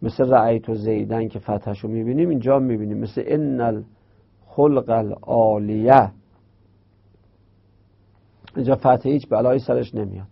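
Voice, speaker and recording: A man teaches grammar in a patient lesson. He explains step by step and repeats and stretches key terms. His voice has a gravelly edge, and the recording sounds dull and muffled. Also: mid-range voice, steady tone, hardly any pauses. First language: Persian.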